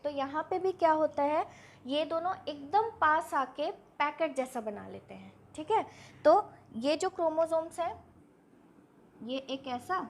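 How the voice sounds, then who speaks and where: A woman's voice: high voice, slight background noise. A woman teaching a biology lesson step by step, posing questions to her students and answering them herself. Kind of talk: online exam-prep lesson.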